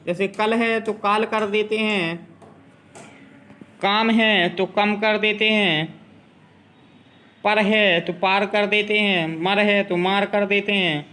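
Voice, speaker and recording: Male teacher, high and bright voice, slow and deliberate, drills word pairs in a classroom lesson. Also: steady tone.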